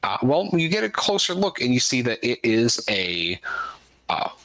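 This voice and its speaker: Bright, forceful man running a tabletop game. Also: mid-range voice, very animated, moderate pace, no echo, low-quality recording. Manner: descriptive, explanatory. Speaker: game master. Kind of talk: improvised narration of a tabletop game.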